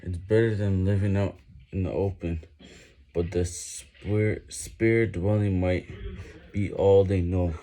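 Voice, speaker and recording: A man reading a text aloud haltingly while doing push-ups, in short, strained phrases under physical exertion. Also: low voice, fairly even intonation, warm tone, a little hiss or hum.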